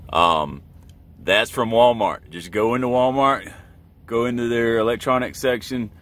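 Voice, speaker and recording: A middle-aged American truck driver gives a casual, plain-spoken how-to while filming inside his truck cab, with cab noise in the background. His voice is medium-pitched and fairly bright, and he talks a little slowly.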